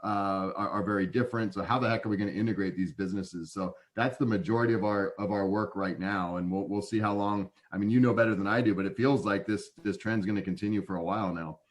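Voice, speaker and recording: A man in his forties with a fairly low voice speaks as a podcast guest. He talks loosely and conversationally, often restarting phrases. Now and then he slips into short acted quotes of frantic clients. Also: steady tone, fast talker, hardly any pauses. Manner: chatty, many restarts, acts out clients' voices. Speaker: guest, operations consultant.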